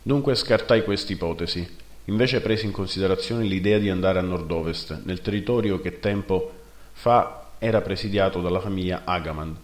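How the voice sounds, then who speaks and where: A man narrating a first-person fantasy story in a steady, measured reading, in a roomy recording. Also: deep voice. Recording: roomy echo.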